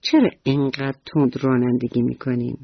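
A woman's voice: extremely low pitch, fairly even intonation, husky, no echo, dull audio, voice pushed down, exaggerated voice. A woman storyteller voicing an eager, proud little schoolboy who politely lectures his father about traffic rules, in a bedtime radio story. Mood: earnest.

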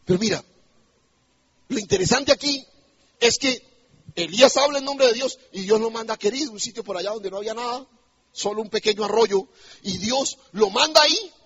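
A man's voice: high-pitched, moderate pace, pauses often, a bit bright, slightly rough, muffled recording. A male pastor preaching an emphatic sermon in a church, putting rhetorical questions to the congregation.

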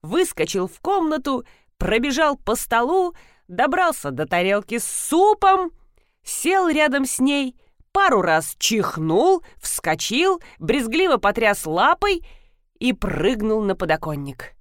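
A woman narrating a story aloud in the first person. Her delivery is expressive, with a widely moving pitch. The recording is dry and close to the mic. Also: slow, no echo. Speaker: audiobook reader.

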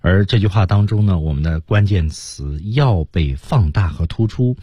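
Deep-voiced male English teacher on radio. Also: mellow, breathy edge, dry recording, highs cut off. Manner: explains slowly, models lines in English.

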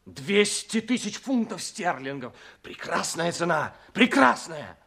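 A military envoy in a period drama. His voice sits a little high, and he is cold, persuasive and insistent, pressing each point with calculation. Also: sing-song, slow, creaky, a bit bright, husky, full character voice. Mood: coolly persuasive. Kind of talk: dramatic screen acting.

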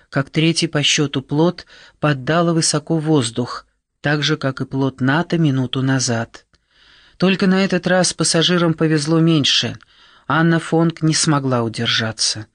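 A man reading a thriller audiobook in a measured, dramatic way, slowing down on tense phrases. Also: a little high, a bit bright, no echo, studio quality. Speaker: audiobook narrator. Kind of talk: scripted audiobook narration.

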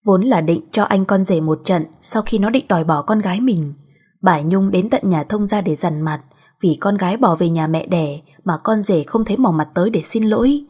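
A woman narrating a family drama story in a steady, expressive reading voice. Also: mid-range voice, moderate pace, slightly rough.

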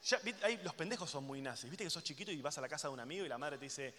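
A man's voice: fairly high pitch, racing. A young man with a Rioplatense accent performing a live stand-up routine, acting out crude voices and talking straight to the audience. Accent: Rioplatense Spanish. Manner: animated, acts out crude voices, addresses the audience. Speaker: stand-up comedian. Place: stage in a hall before a live audience. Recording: reverberant hall with audience noise.

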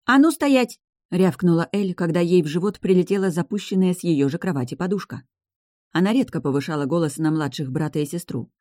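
A woman narrating a storybook chapter aloud, with expressive storytelling. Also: on the low side, fast, dry recording, clean studio sound. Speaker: audiobook narrator. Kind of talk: scripted narration.

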